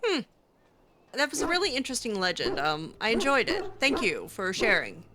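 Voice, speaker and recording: During a video game playthrough, a woman improvises as her roleplay character, sounding chatty and hesitant with a cutesy touch. Her slightly high voice swings hugely in pitch at a moderate pace, over a noisy background.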